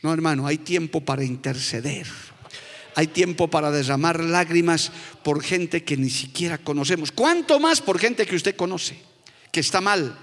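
A man's voice: fairly high pitch, animated, moderate pace, a bit bright. A male pastor with a Bolivian Spanish accent preaching a fervent sermon, calling out to the congregation as brother. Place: church hall. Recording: long hall reverb.

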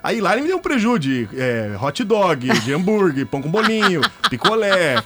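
A man's voice: sits high, moderate pace. A man in his thirties, a radio guest, telling funny stories in casual chat and laughing often. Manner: lively storyteller, laughs often.

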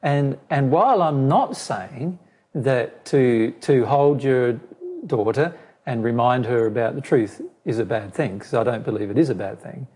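Explaining a personal question to a listener at length, a spiritual teacher who is losing his voice speaks in a mid-range, warm, slightly rough voice. He is measured, often repeating and restarting phrases.

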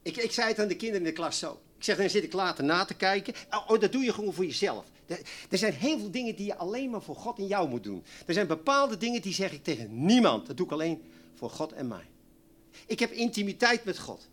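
A man preaching a sermon, swinging from loud exclamations to hushed, near-whispered lines. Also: high-pitched, sing-song, quick pace.

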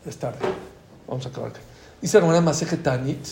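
A man giving a religious lesson as a Torah teacher, acting out dialogues and swinging between loud and hushed. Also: a little high, fast talker, creaky. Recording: echoey room.

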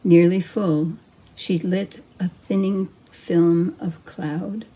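Mellow, husky woman reading poetry. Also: lowish voice, steady tone, slow pace, poor audio. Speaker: poet.

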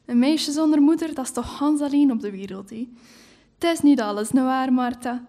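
Gossiping village neighbor woman, sighing pity, mellow low-key tone, voiced by a woman reading aloud. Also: normal speed, in a large hall, natural voice. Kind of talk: live literary reading.

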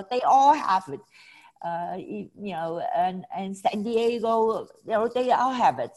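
Her voice is medium-pitched with a darkish tone: a middle-aged woman from Hong Kong, the founder of a film festival, chatting as a guest in a casual interview. She's enthusiastic, restarts often and lets out small laughs.

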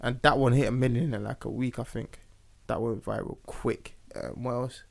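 A man's voice: medium pitch, steady tone, normal speed, vocal fry. A man hosting a casual chat with friends, laid-back and steering the topics. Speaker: podcast host.

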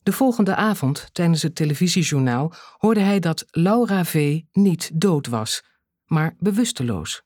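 Narrator for a dark thriller audiobook: husky tone, lively pitch, measured delivery with dramatic pauses, dry close sound. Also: no echo.

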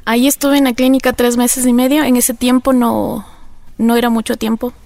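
Woman, interview guest, earnest reflective testimony, gravelly fry, dry close sound. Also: fairly high pitch, flat delivery, moderate pace, a little mellow, no echo. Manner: earnest, reflective, many filler phrases. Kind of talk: personal testimony in conversation.

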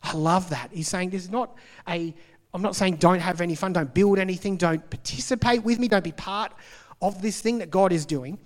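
A man delivers a Sunday sermon in a church, his voice sitting slightly high for a man. He talks conversationally, as if to friends, pausing to stress key words and dropping in asides. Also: in a large hall. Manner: conversational preaching with emphatic pauses. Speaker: pastor.

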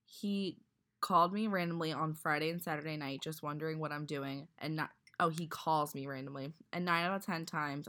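A woman's voice: low-pitched, a bit bright. A woman co-hosting a casual podcast and reading listener emails aloud, her voice stuffed up from allergies. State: congested from allergies. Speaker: podcast co-host.

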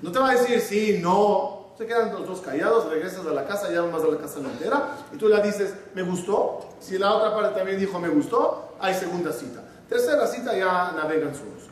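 A man's voice: sits high, moderate pace, hardly any pauses, distant mic, a little hiss or hum. A man, giving a humorous sermon as a rabbi, telling a story and acting out its dialogue. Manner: animated, acts out the dialogue of his story. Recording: echoey room, speaker off-mic.

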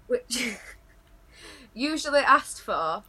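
A woman's voice: a little high, sing-song, extremely slow, sharp tone, a little hiss or hum. A woman in casual chat on a podcast, playing a quiz contestant, giggly and playful, rambling through answers.

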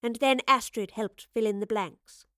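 A woman voicing a composed woman professor who speaks in a cool, clipped, measured way. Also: on the high side, a bit bright, no echo, clean studio sound, close to an everyday voice. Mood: cheery. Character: composed, stern woman professor, dry and unflinching.

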